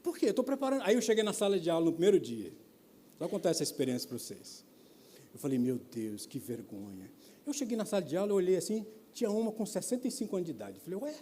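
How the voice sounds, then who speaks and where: Fast-talking pastor in his fifties. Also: sits high. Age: 50s. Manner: animated, acts out dialogue with quick voice changes; colloquial and humorous, with mild laughs. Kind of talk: sermon with personal storytelling.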